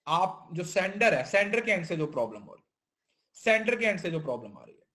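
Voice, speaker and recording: A man's voice: high-pitched, sing-song, fairly quick, bright, forceful tone. A male teacher giving a classroom lecture, mixing in English terms and often checking that students understand. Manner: keeps checking understanding, repetitive.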